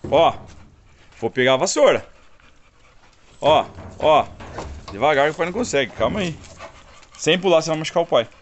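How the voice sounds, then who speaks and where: A man's voice: expressive, normal speed, pauses often, a little hiss or hum. A man with a Brazilian accent, filming his dogs outdoors on a phone and coaxing them playfully. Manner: playful, coaxing, calls the dogs in high bursts. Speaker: dog owner and breeder. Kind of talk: casual vlog talking to his dogs.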